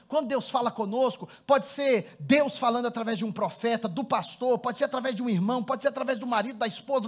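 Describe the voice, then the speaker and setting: A pastor preaching with a strikingly high voice that leaps up and down in pitch. He tells stories with animated energy and calls on his congregation to answer. He speaks into a handheld microphone in front of the church. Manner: storytelling, animated, laughs often, calls congregation to respond. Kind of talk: sermon. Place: church hall before a congregation.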